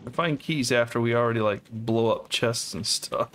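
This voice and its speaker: A let's play host casually comments on his co-op game as he plays, musing aloud and laughing often, with game music behind him. His mid-range voice is a bit bright and moves at normal speed.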